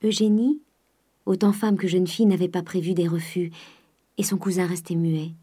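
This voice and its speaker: A woman narrating a classic novel in a soft, hushed reading. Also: on the low side, fairly even intonation, normal speed, breathy edge. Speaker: audiobook narrator.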